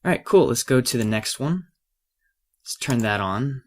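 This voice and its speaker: A man who has a cold presents a casual, unscripted software tutorial, his slightly raspy voice medium in pitch with lively intonation at a normal speed. He hesitates and thinks aloud as he works.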